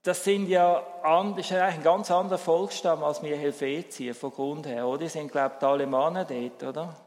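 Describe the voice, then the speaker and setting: Speaking a little high and briskly, a Swiss man with a Swiss German accent preaches a lively sermon, trading remarks with the congregation and shifting from emphatic to soft. A long hall reverb surrounds his voice.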